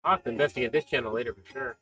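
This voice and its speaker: A man chatting loosely through a relaxed gaming stream at a desk mic. He tosses out offhand remarks and the odd curse, his pitch sitting in an ordinary middle range. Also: very fast, low-quality recording. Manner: offhand, drifting commentary with mild cursing. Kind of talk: casual gaming stream chat.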